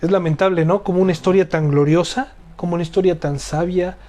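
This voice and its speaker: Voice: medium pitch, steady tone, quick pace, mellow. A speaker teaching a Bible study, reading scripture aloud and explaining it earnestly, often repeating phrases and asking rhetorical questions.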